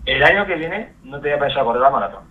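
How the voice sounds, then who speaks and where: Over a dull, lo-fi phone line, a man from Spain argues heatedly, defiant and insistent, repeating himself again and again. He's an amateur runner on the receiving end of a prank call, talking fast in an expressive mid-range voice.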